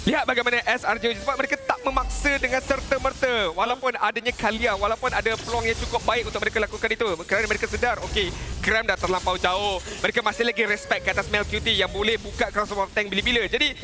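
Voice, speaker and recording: A man's voice: high-pitched, fairly even intonation, fast talker, few pauses, over music. A Malaysian man giving explanatory live esports commentary, mixing English terms into his analysis.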